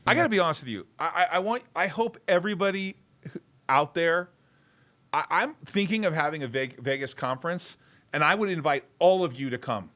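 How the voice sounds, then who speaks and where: A man hosting a casual livestream show, talking in an excitable, rambling way and repeating himself. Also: fairly high pitch, a little fast. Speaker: show host.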